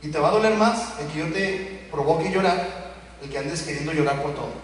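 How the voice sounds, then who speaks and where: A Mexican pastor preaches in a lively, animated way, slipping into the voices of the people in his stories. His voice sits high for a man. It comes from far off in a big hall with long echoes and faint background noise. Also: brisk. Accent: Mexican Spanish. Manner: animated, acts out quoted voices of children and parents. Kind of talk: sermon. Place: church hall.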